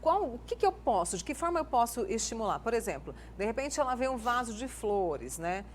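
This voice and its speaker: A woman's voice: a little high, sing-song, fairly quick, a little hiss or hum. Brazilian woman hosting morning TV. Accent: Brazilian Portuguese. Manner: friendly, reads viewer questions aloud. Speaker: TV show host. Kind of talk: TV morning show interview.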